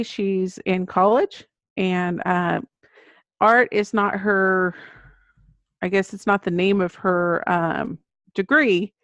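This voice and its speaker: A gravelly, fairly low female voice belongs to an American children's book author talking as a podcast guest. She explains things in an earnest, conversational way in a dry recording that sounds muffled and dull lo-fi.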